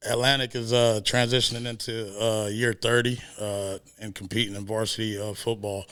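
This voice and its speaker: A low-pitched man speaks in an even, steady tone at a media day interview. He is a high school football coach, earnest and measured, pausing often on fillers. The sound is dry and close. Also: no echo. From South Sudan.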